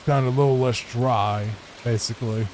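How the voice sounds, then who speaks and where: Man, Virginia accent, laid-back, soft sleep-aid commentary, home mic, middle pitch. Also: steady tone, normal speed, slight background noise, low-quality recording. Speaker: gameplay channel host. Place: home room, not a booth. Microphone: studio microphone with added EQ.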